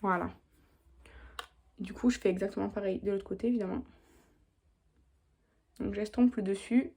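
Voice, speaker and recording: Chatting away as she works through a makeup tutorial, a young beauty vlogger peppers her talk with little "hop"s. She speaks at a normal speed and a steady tone, her mid-range voice mellow and gravelly with a breathy edge.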